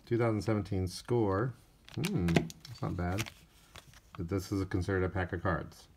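A man's voice: sits low, background noise. A man opening card packs on camera, casually talking through each one and listing player names, a little tired. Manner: unhurried, reads off player names in a flat list. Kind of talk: casual pack-opening commentary. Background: crinkling wrappers and card clicks.

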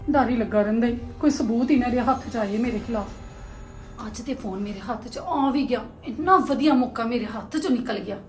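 A woman's voice: a little high, brisk, a little mellow, soft background music, lightly acted. A woman with a Punjabi accent acting a sly, wheedling younger sister-in-law in an amateur family drama. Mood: scheming grumble.

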